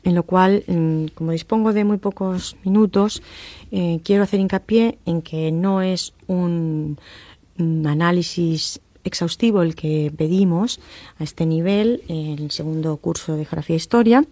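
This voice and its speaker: A woman lecturer explaining text analysis in a measured way, often pausing with "eh" and tag questions. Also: on the low side, dark tone, dry recording. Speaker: university lecturer.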